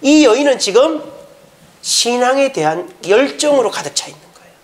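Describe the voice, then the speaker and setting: A man preaching a sermon as pastor, humorous and animated, asking the congregation rhetorical questions and chuckling between points. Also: very high voice, moderate pace.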